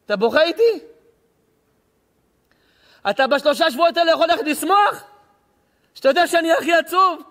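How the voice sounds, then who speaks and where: A sorrowful, pleading heavenly father, voiced by a man in a sermon. He asks question after question in a high, rising, mournful voice. The sound rings in a reverberant hall. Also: pauses often, fairly bright tone.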